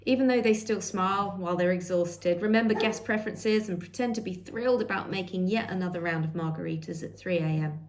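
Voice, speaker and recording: A woman's voice: lowish voice, fairly quick, hardly any pauses. Middle-aged woman reading out her article, sassy and sarcastic, tossing in little asides.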